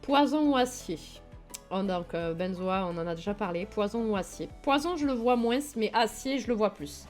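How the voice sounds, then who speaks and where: This livestream host, a young woman from Toulouse with a southern French accent, talks to her chat in an expressive, slightly mellow medium-pitched voice at a moderate pace. She's chatty and enthusiastic, with many fillers, while faint music plays behind her.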